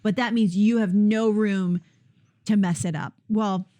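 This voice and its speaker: A woman's voice: mid-range voice, steady tone, measured pace, warm tone. A woman hosting a Bible discussion, explaining passages in a conversational way and correcting herself as she goes. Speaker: host leading a Bible discussion.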